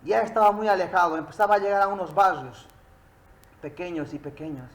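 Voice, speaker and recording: A man's voice: sits high, brisk, roomy sound, poor audio. A man preaching a sermon, addressing his listeners and telling them a story.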